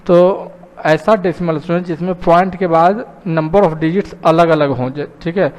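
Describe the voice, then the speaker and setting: A man's voice: a little high, fairly even intonation, measured pace, darkish tone, in a large hall. A man teaching a math lesson patiently, often checking in with his students. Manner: patient, repeats "thik hai" and "students" often.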